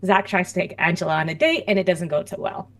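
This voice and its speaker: A woman co-hosting a fan podcast in casual chat, animated and chatty, often breaking into laughter. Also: lowish voice, fast talker. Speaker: podcast co-host.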